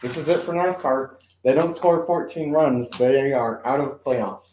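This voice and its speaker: A man's voice: medium pitch, measured pace, darkish tone, roomy sound, a little hiss or hum, poor audio. Rambling man commentating on toy car games. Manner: rambling, self-correcting, lots of "um" and asides. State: occasional coughing. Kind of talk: casual live-stream commentary. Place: room at home.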